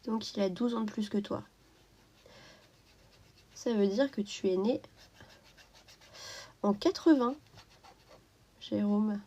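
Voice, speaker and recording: At home while colouring, a young woman hosts a casual live stream, chatting and greeting viewers by name while sniffling through a stuffy nose from a cold. Her mid-range voice is warm, slow and full of long pauses. The highs are cut off.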